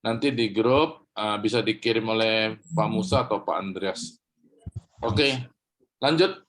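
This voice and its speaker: A man's voice: fairly low pitch, unhurried, a bit bright. A man teaching a class on a video call, patiently correcting readers and demonstrating tones aloud. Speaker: Chinese reading teacher. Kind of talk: online class feedback.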